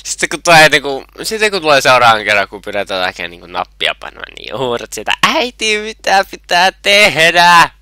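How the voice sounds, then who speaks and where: A man jokes and teases his friend while gaming, with a very bright, sharp edge to his voice. His pitch swings widely as he goes. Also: lively intonation, few pauses, smooth, no room sound, clean studio sound. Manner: teasing, joking. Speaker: gamer. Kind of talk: casual gaming chat.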